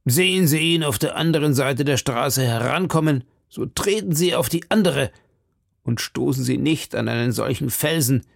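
A man reads as a stern old musketeer captain with a gravelly edge, set a little higher than the narration. He weighs each word slowly and lectures in a measured way. The sound is dry and close. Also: expressive, no room sound. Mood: lecturing. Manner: measured, lecturing, drops to murmurs. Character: stern shrewd older male captain of musketeers. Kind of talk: audiobook reading.

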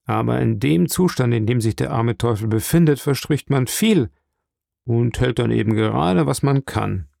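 A gruff captain of a small sailing boat, skeptical and brisk, weighing up a stranger in a storybook reading, as a man voices him. The voice is dark and gravelly. It is recorded close, with no room sound. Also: medium pitch, expressive, dry recording. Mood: doubtful. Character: doubtful, gruff male ship's master. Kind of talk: audiobook reading.

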